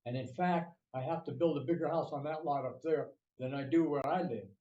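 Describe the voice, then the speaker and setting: A man's voice: a little high, a little fast, dark tone, echoey room, muffled recording. An elderly man in his eighties, a property owner giving rambling, folksy testimony with restarts. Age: 80s. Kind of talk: casual testimony.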